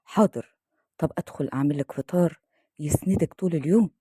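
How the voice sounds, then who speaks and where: A woman's voice: deep voice, fast, dark tone, husky, no echo, clean studio sound. A woman reading a coaxing Egyptian man. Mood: obliging. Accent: Egyptian Arabic. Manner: coaxing, insistent. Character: caring grown man, persistent neighbour.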